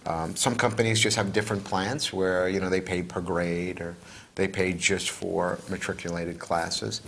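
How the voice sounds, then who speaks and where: Low-voiced middle-aged man, rambling chat. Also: flat delivery, moderate pace, gravelly, fairly bright tone, slight background noise. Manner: rambling, repeats himself. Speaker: co-host. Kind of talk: casual chat.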